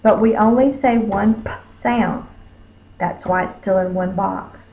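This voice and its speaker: Slow, careful woman teaching phonics. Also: mid-range voice, fairly even intonation. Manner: slow, careful, sounding out each letter. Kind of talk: phonics spelling lesson. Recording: tinny phone-like lo-fi recording.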